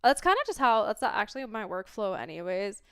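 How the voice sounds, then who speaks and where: A woman's voice: mid-range voice, very animated, brisk, fairly bright tone, smooth, no echo, studio quality. A stoned woman streamer chatting casually to viewers in a rambling, laid-back stoner way that drifts into tangents. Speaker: livestreamer. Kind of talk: casual livestream chat with viewers.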